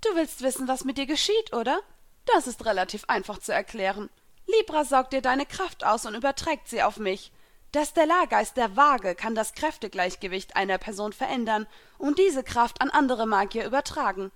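A woman's voice: a little high, lively intonation, normal speed, dry recording, clean studio sound, natural voice. A woman reading aloud, voicing a scheming young female mage who taunts her opponent. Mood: gloating. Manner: taunting, smug.

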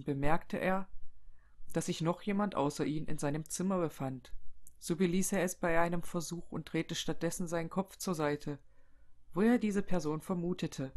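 A calm narrator reads a story aloud, steady and even, at a middle pitch. The narration sets the scenes and carries the voiced dialogue. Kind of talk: reading a fan story aloud.

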